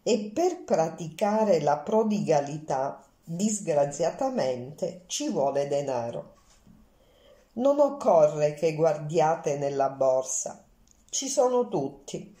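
A woman's voice: deep voice, very animated, slow, mellow, echoey room, full character voice. A woman voicing a cool, elegant Russian countess in an audiobook, speaking lightly and without emotion. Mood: coolly amused. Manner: light, polite, detached.

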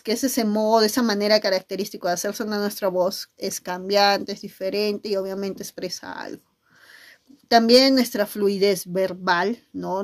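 A middle-aged woman teacher giving a video lesson, talking expressively and often checking in with her listeners. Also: medium pitch. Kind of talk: video lesson on nonverbal communication.

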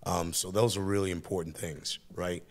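An older man with a low voice speaks in a steady tone at normal speed into a boom-arm studio mic. He's a teacher hosting a studio podcast and interviewing a student. His remarks are reflective and encouraging, delivered in long, flowing sentences.

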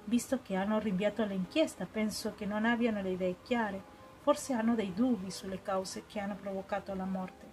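A woman reading the part of a hospitable middle-aged English lady, polite and measured. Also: medium pitch, fairly even intonation, darkish tone, a little hiss or hum, close to an everyday voice. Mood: curious. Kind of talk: audiobook character reading.

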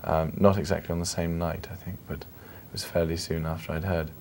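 A young man in his late teens from Scotland with a London accent, a film actor giving polite, earnest, halting answers in an interview. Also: low-pitched, little pitch movement, darkish tone. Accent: London English.

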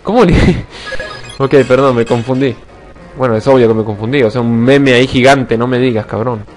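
A young man giving casual let's-play commentary, excitable and swearing, shouting when attacks miss. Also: medium pitch, moderate pace, soft background music. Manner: excitable, swears a lot, sudden shouts at misses. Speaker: gaming channel host.

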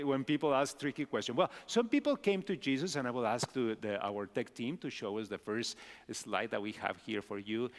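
A middle-aged male pastor giving a children's message, asking the children simple questions. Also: mid-range voice. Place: large church sanctuary. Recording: long hall reverb.

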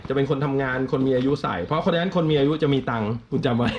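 A man's voice: mid-range voice, fast talker, slight background noise. Blunt lecturing Thai shoe-seller man. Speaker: second-hand shoe seller and co-host. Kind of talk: casual instructional chat. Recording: roomy, slightly dull sound.

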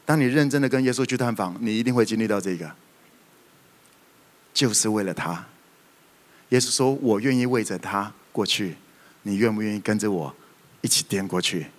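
A man preaching a sermon, telling stories in a lively way with sudden loud outbursts. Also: lowish voice, moderate pace, pauses often. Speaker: pastor. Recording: reverberant hall.

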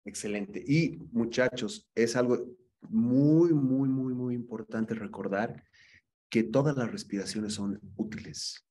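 A man's voice: mid-range voice, slow pace, warm tone. A man teaching an acting class, giving students earnest feedback and often repeating words as he searches for the next one.

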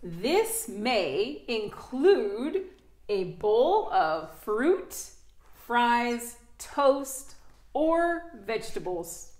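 A woman reading English phrases slowly and clearly as a pronunciation model for learners. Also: a little high, big pitch swings, a little mellow, echoey room. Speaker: native English speaker demonstrating phrases.

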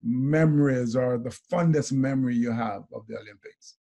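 A man, hosting an interview over a video call, animated and quick to laugh. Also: mid-range voice, gravelly. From Jamaica. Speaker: host. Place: indoor room before a branded backdrop.

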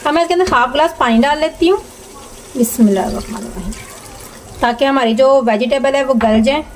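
A home cooking show host talks through a recipe step by step at her stove, keeping the instructions plain and often repeating herself. Her voice sits high and moves fairly quickly. Frying, sizzling, and stirring make the kitchen recording noisy.

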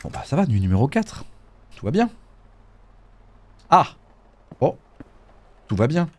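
Joueur français en let's play d'horreur : blagueur, animé, voix aux écarts marqués. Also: male voice, a little high, unhurried. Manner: jokey, animated. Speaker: gaming YouTuber. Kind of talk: horror game let's play commentary.

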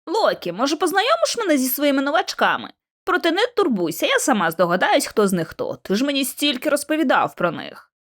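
Woman voicing a grubby scavenger girl, slow teasy drawl, sing-songy and high. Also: very animated, a bit bright. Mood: teasing drawl. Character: scruffy eccentric young woman scavenger, teasing.

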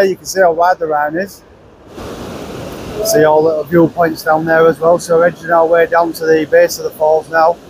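This travel vlogger's voice sits on the high side, with background noise behind it. Filming on a handheld camera at a car park and riverside path, he keeps up a chatty, rambling outdoor commentary full of restarts.

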